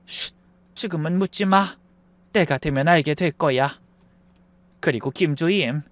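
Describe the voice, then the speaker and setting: A man reads a frail, dying old woman of wealth in an audio story. She speaks softly and wearily, full of apology. The voice sits high and the sound is dry and close. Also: unhurried, no room sound, lightly acted. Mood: urgent, tender. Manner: soft, weary, apologetic speech. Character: dying elderly wealthy woman, gentle and remorseful.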